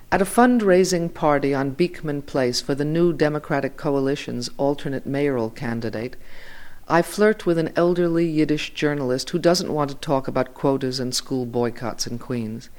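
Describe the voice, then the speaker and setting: Measured man reading literary fiction. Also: on the high side, darkish tone. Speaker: reader.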